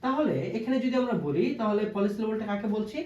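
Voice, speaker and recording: A man's voice: sits high, quick pace, darkish tone, highs cut off. A man teaching a video lesson, asking questions and answering them himself, repeating each key term. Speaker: English teacher. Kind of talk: classroom-style video lesson. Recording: echoey room, faint background noise.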